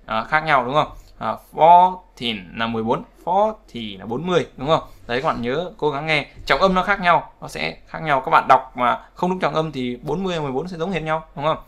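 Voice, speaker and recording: A man's voice: on the high side, fast, creaky, few pauses, pushed and bright. A man teaching English word stress, talking in a repetitive, conversational way and often checking with his students. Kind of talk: explaining word stress in a lesson.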